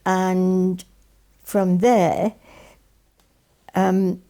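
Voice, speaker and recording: An older Welsh woman, a guest educator whose first language is Welsh, answers interview questions while reminiscing. Her mellow voice sits fairly low, barely moves in pitch, and goes very slowly. She tells stories warmly, repeating phrases for emphasis.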